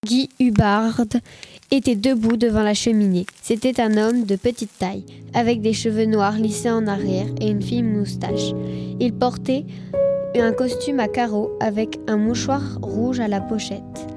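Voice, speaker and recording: A woman narrating a children's story in an even, measured way. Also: a little high, over loud music. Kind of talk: scripted audiobook narration.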